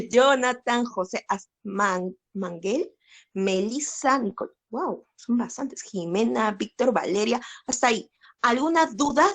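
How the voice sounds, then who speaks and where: A woman's voice: on the high side, expressive, takes it slowly, recorded from a distance, poor audio. A woman teaching an online language class, explaining step by step and asking many questions. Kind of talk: online lecture.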